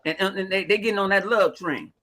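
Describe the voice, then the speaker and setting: Brief: man in his forties, high and bright, profane animated podcast rant, faint noise behind. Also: fast, rough recording. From Los Angeles. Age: 40s. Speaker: podcast host. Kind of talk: casual podcast banter.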